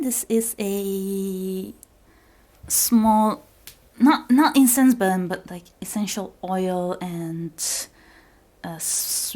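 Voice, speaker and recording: Walking through her small flat with a handheld camera, a Belgian vlogger whose first language is Dutch narrates a relaxed home tour. She's young, with a medium-pitched, darkish voice, and she occasionally giggles or lowers her voice to a whisper.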